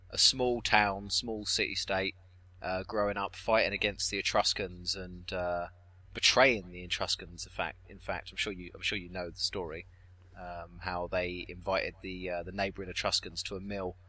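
A man's voice: low-pitched, steady tone, normal speed, pushed and bright. A young man from southeast England with a Southern English accent, chatting casually on a podcast and often correcting himself mid-sentence. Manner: chatty, self-correcting, trails off into asides. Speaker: podcast co-host.

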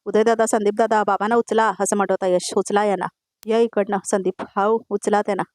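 A woman races through a voice-over recap of a TV serial, tagging every quoted line as she goes and speaking straight to her viewers. Her voice sits at a middling pitch and is recorded close and dry, with no room sound around it. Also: level tone, brisk, darkish tone, dry recording. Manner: retells scenes line by line, tagging each quote; addresses viewers directly with asides.

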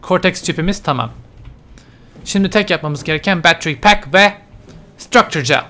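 A man's voice: a little high, expressive, normal speed, sharp tone, a little hiss or hum. A man commentating a horror video game, nervous and muttering to himself as he plays. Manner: jittery, mutters to himself while playing. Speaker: let's play gamer.

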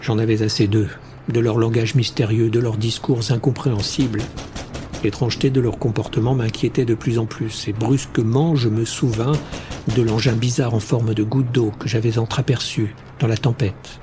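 A man narrating a first-person science fiction audiobook in a measured, steady reading. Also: medium pitch, background noise.

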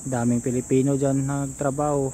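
This is a casual walking-tour vlog by a Filipino man in his thirties from the Philippines, who points out sights on a seaside park path while holding his phone at arm's length. His Filipino-accented voice is mid-range, warm, and flat, at normal speed, with slight background noise and insect-filled outdoor ambience.

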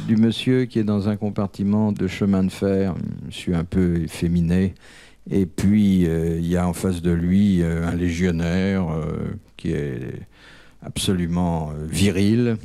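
A man with a very low, mellow voice tells a joke on a radio comedy panel. He speaks in a measured way, padding it with hesitant fillers, and his voice sounds close and dry. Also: no echo. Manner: measured, filler-laden delivery.

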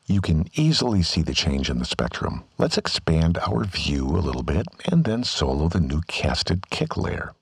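A man giving a calm, step-by-step scripted voice-over for a software tutorial. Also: deep voice, normal speed, vocal fry, few pauses, breathy edge, no room sound, clean studio sound. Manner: calm, step-by-step instructional delivery.

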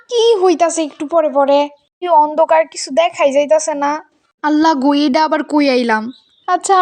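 Woman voicing a high-pitched fretful cartoon schoolgirl. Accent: Bangladeshi regional Bengali. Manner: plaintive, chattering, questioning. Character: naive, excitable, fretful schoolgirl. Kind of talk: amateur cartoon dubbing.

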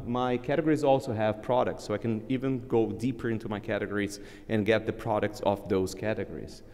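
A native Portuguese-speaking man in his thirties gives a relaxed, live technical talk from a lectern in a large conference hall, full of fillers and restarts. His pitch is medium, and the sound carries a big-room quality.

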